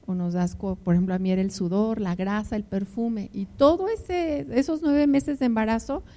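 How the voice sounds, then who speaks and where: A woman's voice: fairly high pitch, moderate pace, warm tone. An older woman preaching to married couples, telling emotional personal stories and calling the listeners her beloved ones. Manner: emotional storytelling with personal anecdotes. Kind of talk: conversational sermon.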